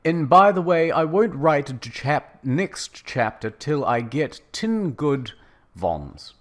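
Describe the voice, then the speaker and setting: A man's voice: on the high side, very animated, slow pace, pitched above the performer's own voice. A man voicing a whiny, defensive teenage girl writer who drags out her words in petulant indignation. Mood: indignant.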